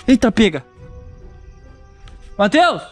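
At night outside a country house, a Brazilian YouTuber with a fairly high, sing-song voice narrates a scary vlog slowly, sounding anxious. He calls out to his viewers and keeps reaching for his friend, while faint music plays behind him.

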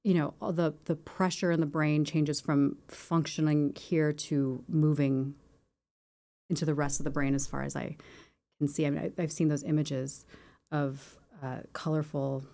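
Low, mellow-voiced woman guest. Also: flat delivery, a little slow, vocal fry. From born in Japan. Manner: reflective, rambling with many fillers. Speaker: podcast guest. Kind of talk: casual interview chat. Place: podcast studio. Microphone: boom mic on arm.

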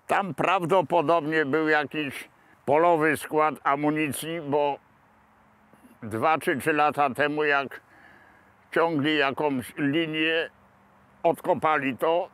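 A man in his seventies from Poland, recounting local history to camera outdoors in a park in a measured, pausing manner. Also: on the high side, fairly even intonation, a bit bright, no room sound. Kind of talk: unscripted reminiscence to camera.

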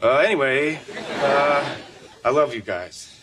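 An actor playing a simple, homesick young man giving a halting best-man toast. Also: medium pitch, noisy background, close to an everyday voice. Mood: earnest. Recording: TV sitcom with loud laugh track.

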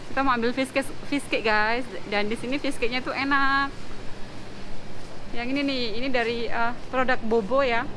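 This woman's voice is fairly high and steady, at a moderate pace, as she chats casually to her viewers, calling them "guys," while browsing a supermarket and outdoor market stalls. Upbeat and giggly, she's filmed on a handheld wide-angle camera at arm's length amid the bustle and noise of the shops.

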